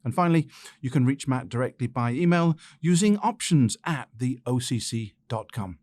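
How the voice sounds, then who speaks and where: A man's voice: mid-range voice, lively intonation, normal speed, darkish tone, dry recording. A man hosting a trading podcast in casual conversation, often repeating words as he starts a sentence. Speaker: podcast host. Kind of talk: casual interview chat.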